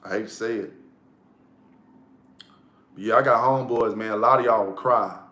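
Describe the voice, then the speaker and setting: A man's voice: lowish voice, fairly even intonation, normal speed, pushed and bright. A man giving a casual motivational monologue, blunt and profane, repeating key lines for emphasis. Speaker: motivational vlogger. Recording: echoey room.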